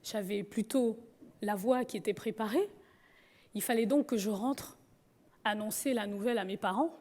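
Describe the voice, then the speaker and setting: A woman's voice: mid-range voice, moderate pace, warm tone. A woman from Gabon telling her personal story with humor. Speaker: speaker.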